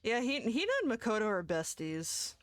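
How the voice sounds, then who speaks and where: Brief: chatty, giggly woman streamer, mid pitch, casual and a bit crude. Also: sing-song, moderate pace. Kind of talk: casual chat while gaming.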